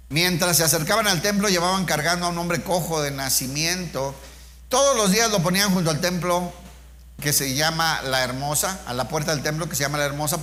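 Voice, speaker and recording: A middle-aged man with a slightly high, sharp-toned voice preaches an informal sermon built around personal testimony. He speaks conversationally, posing rhetorical questions to his listeners, and there's a little hiss or hum in the audio.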